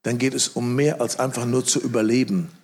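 Husky German-speaking male preacher. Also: mid-range voice, a little fast. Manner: animated storytelling, acts out quoted voices loudly; emphatic repetition. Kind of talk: sermon.

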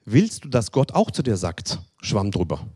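A man with a medium-pitched, slightly breathy voice preaches a sermon at a normal pace. He pleads with his listeners, addresses them directly and repeats himself, animatedly acting out short dialogues in other voices.

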